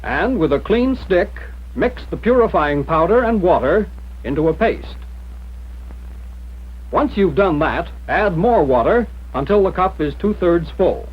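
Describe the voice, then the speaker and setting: An American man reading scripted instructions in the formal, measured manner of a 1940s military training film narrator. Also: sits high, animated, husky. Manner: mid-century newsreel-style narrator, formal, measured instruction. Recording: dull, lo-fi 1940s film soundtrack.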